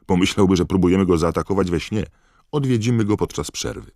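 Direct, eager teenage wizard, read by a man: low, dry, raised a little. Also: fast talker, warm tone, dry recording. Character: determined teenage boy wizard.

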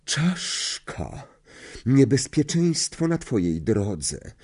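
A man's voice: big pitch swings, darkish tone, slightly rough, heavily acted. A man voicing a dreamy, theatrical older female seer teacher in an audiobook, in a misty, quavering voice that drags out words melodramatically. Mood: ominous. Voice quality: misty, quavering, swooping high voice. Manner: slow, melodramatic, drawn-out words. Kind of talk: audiobook character voice.

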